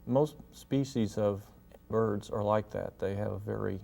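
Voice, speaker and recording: A man giving a gentle, folksy painting lesson, talking casually and step by step as he demonstrates. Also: lowish voice, measured pace, gravelly. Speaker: painting instructor and show host.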